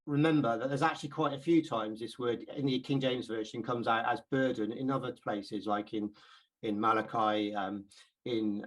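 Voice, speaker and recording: A man's voice: mid-range voice, low-quality recording. Hesitant, chatty man giving a Bible talk. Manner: chatty, hesitant, many ums and self-repeats. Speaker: Bible class speaker. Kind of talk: informal Bible talk to a congregation.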